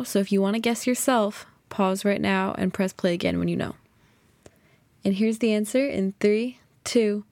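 A woman's voice: medium pitch, a little mellow, no echo, clean studio sound. A young woman hosting a podcast, chatty and enthusiastic as she explains. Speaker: podcast host.

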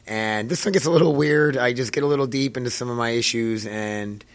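A man hosting a casual solo podcast in a rambling, informal way, his voice hoarse and nearly gone. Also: mid-range voice, brisk, no room sound. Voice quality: hoarse, worn-out voice from losing it. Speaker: podcast host.

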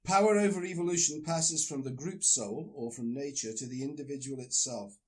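A man on a call discusses a book casually, then breaks into emphatic rants, swearing freely. His voice is medium-pitched, fairly quick, and a little mellow.

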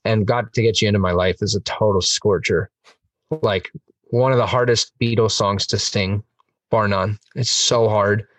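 A man's voice: lowish voice, fairly even intonation, normal speed, a bit bright, no echo, far from the mic. A man chatting on a music podcast, enthusiastic and rambling, with lots of fillers. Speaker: podcast host. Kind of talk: casual music podcast chat.

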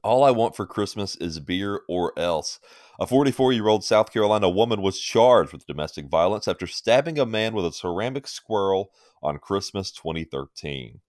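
Deep-voiced man co-hosting a podcast. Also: moderate pace, no echo, studio quality. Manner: animated, opinionated, laughs often. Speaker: podcast co-host. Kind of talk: casual sports chat.

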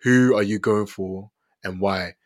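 A young man with an urban London accent hosts a casual football chat. His voice sits fairly low, and he talks in slang, often restating his point as he goes. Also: fairly even intonation, measured pace. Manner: slangy, repeats himself. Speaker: football podcast host.

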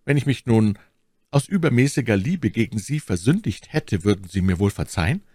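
A man's voice: lowish voice, expressive, normal speed, dark tone, husky, no echo, pitched above the performer's own voice. A man voicing a gallant, earnest young swordsman who speaks in a courtly, pleading way in an audiobook. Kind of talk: audiobook character voice.

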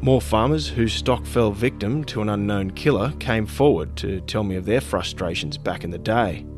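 Low-voiced male podcast narrator. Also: moderate pace, music in the background. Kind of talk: scripted narration.

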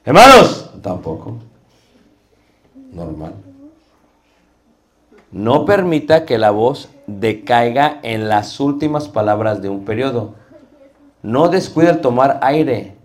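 A man's voice: medium pitch, expressive, a little slow, a little mellow. A middle-aged man teaching a class on preaching, asking the students rhetorical questions. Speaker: homiletics teacher.

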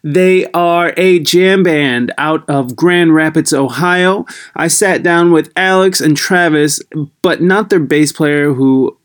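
American male podcast host, slightly higher voice, loose off-the-cuff rambling delivery, tinny built-in computer microphone sound. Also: slow pace, clean tone. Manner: rambling, searching for words, mildly self-deprecating. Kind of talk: casual, unscripted podcast intro.

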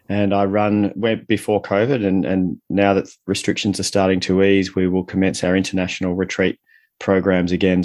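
A middle-aged leadership coach, appearing as an interview guest, speaks reflectively, explaining and telling stories conversationally. His voice is deep and a little mellow, and the recording is dry.

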